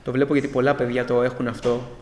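A man's voice: medium pitch, flat delivery, slight background noise. A man giving an earnest, emotional personal testimony to a church congregation and addressing them as brothers. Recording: echoey hall with long reverb.

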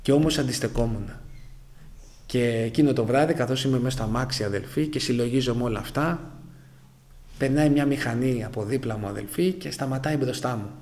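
In a mid-range, somewhat mellow voice, a church member from Greece gives his personal testimony to the congregation. Addressing them again and again as brothers, he recounts his conversion in broken, emotional pieces, his phrases trailing downward.

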